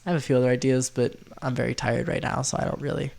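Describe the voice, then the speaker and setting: Sick guy w a nasally stuffed voice, kinda gravelly, rambles on about his tier list and gets all excited. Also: medium pitch, quick pace. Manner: rambling, filler-heavy, easily excited. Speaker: video host. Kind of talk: casual tier-list commentary.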